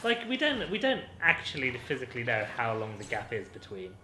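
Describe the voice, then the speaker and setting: Excitable man narrating his gameplay. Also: a little fast. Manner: excitable, with sudden high yelps and laughs. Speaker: gameplay co-host and player. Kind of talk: casual gameplay commentary. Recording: echoey room with background noise.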